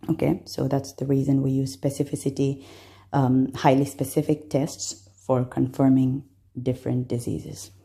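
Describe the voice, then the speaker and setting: A woman's voice: rumbling low, flat delivery, moderate pace, gravelly, warm tone. A woman from Bangladesh, a medical student walking through exam concepts step by step, patient, with frequent fillers.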